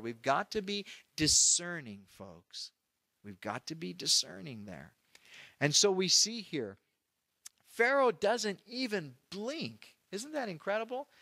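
A man's voice: on the high side, vocal fry, pushed and bright, no room sound. A middle-aged male pastor teaching through a Bible passage verse by verse, in a conversational way that acts out the people he quotes. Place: church.

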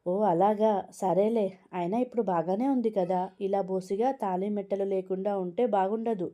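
An insistent middle-aged mother-in-law who coaxes and presses her point, read aloud by a woman. The tone is mellow and warm, and it is the voice of a storybook reading. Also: medium pitch, steady tone, moderate pace, lightly acted. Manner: coaxing and pushy.

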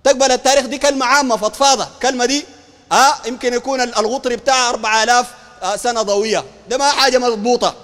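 Sudanese male preacher in a combative debate, strikingly high voice, long hall reverb. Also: fairly even intonation, rapid-fire. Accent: Sudanese Arabic. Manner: combative, fires rhetorical questions, shouts at times. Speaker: Islamic preacher. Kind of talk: heated public debate.

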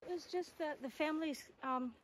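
A middle-aged woman with a high voice chats easily while hiking. She explains what she notices and wonders aloud, with a faint hiss of noise outdoors. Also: brisk, poor audio. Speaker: hiking companion. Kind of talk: casual hiking chat. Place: outdoors in a forest by a lake.

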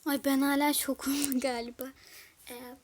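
Female host, high-pitched, chatty, exasperated; narrates a game role-play, often whispering. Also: little pitch movement, unhurried. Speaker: video host.

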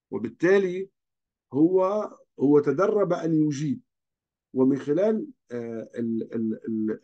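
Male lecturer, earnest cautionary delivery, muffled lo-fi recording. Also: medium pitch. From Libya. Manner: earnest, cautionary, pleads with students.

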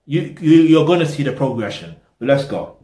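Young man, rambling casual commentary, mid-pitched voice, echoey small room. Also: very animated, fairly quick, dark tone. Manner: rambling, loses his train of thought, repeats "get me". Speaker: reaction video host. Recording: roomy echo.

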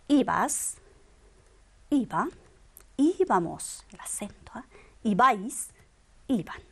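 A woman's voice: a little high, a little mellow. A woman teaching a grammar lesson, drilling verb forms one by one with patient quiz questions. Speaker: Spanish teacher.

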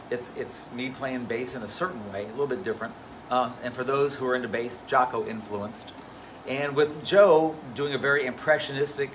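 A man who plays bass and directs a band, telling stories in a casual live question-and-answer chat, loose and full of fillers. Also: a bit bright, slight background noise, low-quality recording. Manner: chatty, anecdotal, loose with fillers. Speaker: bassist and band musical director.

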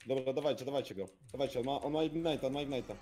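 A man talking over a team voice chat during a match, his voice mellow and dark-edged rather than bright. He swears a lot and repeats short callouts in quick bursts. His pitch sits right in the middle for a man. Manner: swearing, rapid tactical callouts. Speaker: game teammate. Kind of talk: casual gaming voice chat.

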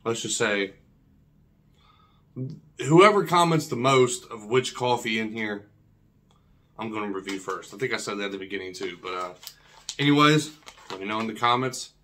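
Here a thirties-aged man who reviews coffee does an unboxing in loose, slangy chat, circling back over the same points. He speaks on the low side at normal speed, with long pauses, a pushed, bright tone and a whistling s. Clicks and background noise come through clearly.

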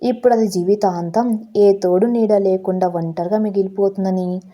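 A woman's voice: medium pitch, steady tone, normal speed, warm tone, lightly acted. A woman voicing a grieving middle-aged mother who is anxious and tearful, in a pleading storytelling manner.

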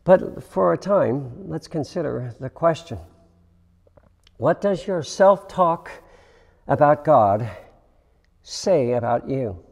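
Man, pastor, sermon, unhurried delivery, gravelly voice, long church-hall reverb. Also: on the high side, lively intonation. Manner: slow, reflective preaching with dramatic pauses and hushed emphasis. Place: church sanctuary.

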